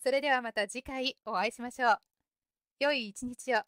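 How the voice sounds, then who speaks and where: A young adult woman hosting a scripted radio-style lesson for learners, explaining vocabulary in a clear, gentle, carefully paced way. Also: fairly high pitch, moderate pace, no echo, studio quality. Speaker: host teaching Japanese vocabulary.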